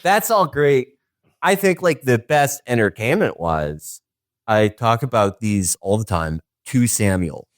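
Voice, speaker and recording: A man co-hosting a podcast, telling stories in an animated, profane casual chat. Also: mid-range voice, measured pace, dry recording, studio quality. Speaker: podcast co-host.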